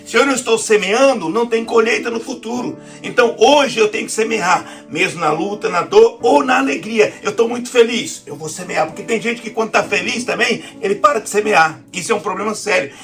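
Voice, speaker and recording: A woman's voice: mid-range voice, fairly quick, hardly any pauses, soft background music. A woman with a Brazilian accent preaching a sermon, often calling her listeners "querido" and asking for amens. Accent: Brazilian Portuguese.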